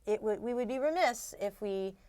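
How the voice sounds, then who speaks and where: A woman's voice: on the high side, animated, normal speed, mellow, clean tone, no room sound. Chatty woman podcast co-host. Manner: chatty, full of fillers. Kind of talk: casual chat.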